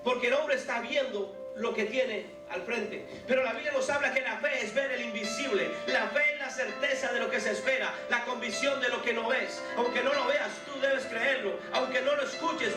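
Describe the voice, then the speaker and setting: A man's voice: very high voice, normal speed, few pauses. A man preaching a fervent sermon as pastor, exhorting the congregation to have faith. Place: large church hall. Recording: echoey hall, distant mic, music behind.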